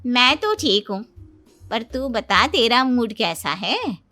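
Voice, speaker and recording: A caring mother from a cartoon story gives gentle, soothing advice, voiced by a woman. Her voice is fairly high and bright. Soft music plays behind her. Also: big pitch swings, slow, no room sound, exaggerated voice. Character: caring mother, calm and advising.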